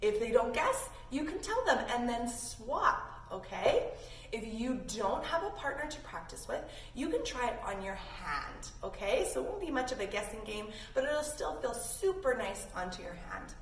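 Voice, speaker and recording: Hosting a yoga class for young kids, a woman from Canada speaks at a fairly high pitch and moderate pace, offering lively, encouraging, casual directions and addressing the children as friends. The recording is roomy and echoey, from a distant mic with faint noise.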